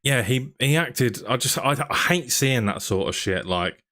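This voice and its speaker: A man's voice: medium pitch, animated, unhurried, pushed and bright. A young man, hosting a casual football podcast, chatting and reading out viewer comments. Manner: chatty, reads out viewer comments and asks questions. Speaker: podcast host.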